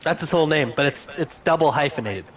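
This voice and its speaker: A man's voice: on the high side, expressive, fast. A man co-commentating a live sim race, bantering easily and taking care to pronounce names right.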